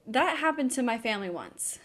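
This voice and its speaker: Higher-voiced young woman reading listener stories. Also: sing-song, moderate pace, a bit bright. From North Dakota, United States. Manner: crude, laughs often. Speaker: podcast co-host. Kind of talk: casual chat, reading listener messages. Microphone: video call.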